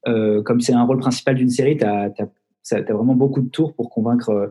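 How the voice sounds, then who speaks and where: A man's voice: mid-range voice, steady tone, a little fast, mellow, breathy edge. A man, an actor, chatting casually in an interview over a video call, joking with mock-serious tall tales. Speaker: actor guest.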